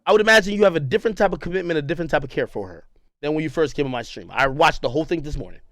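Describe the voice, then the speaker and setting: A young man arguing heatedly in a podcast confrontation, animated and interrupting, repeating himself. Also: a little high, rapid-fire, dry recording. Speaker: streamer confronting a podcast host. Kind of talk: heated argument.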